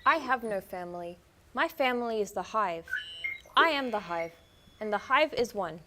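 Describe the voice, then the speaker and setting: A woman's voice: mid-range voice, expressive, moderate pace, noisy background, close to an everyday voice. A woman playing a young man turned hive-mind drone in a satirical drama, chanting repetitively in a detached way. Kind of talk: scripted satirical interview drama.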